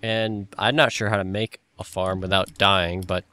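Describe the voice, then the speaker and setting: A man's voice: sits low, little pitch movement, moderate pace, pushed and bright, no room sound. A man hosting a casual gaming session over voice chat, rambling and trailing off mid-sentence. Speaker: let's play host.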